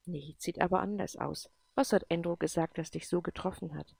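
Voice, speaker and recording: A woman's voice: fairly low pitch, steady tone, brisk, creaky, no room sound. A woman voicing a caring but firm adult man who questions and corrects. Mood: tender. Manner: gentle then stern questioning.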